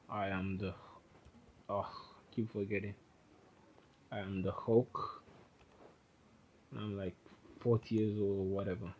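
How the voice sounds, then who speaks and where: A man's voice: lowish voice, dull audio, a little hiss or hum. A man giving an informal, rambling coding tutorial, often correcting himself as he types. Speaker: programming instructor. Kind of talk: casual screen-recorded coding tutorial.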